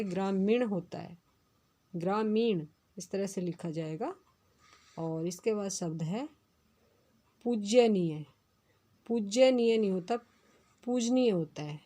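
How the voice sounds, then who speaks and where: A woman teacher giving a recorded class lesson, going slowly and carefully through spelling words. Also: mid-range voice, husky. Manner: slow, careful dictation of words. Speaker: school teacher.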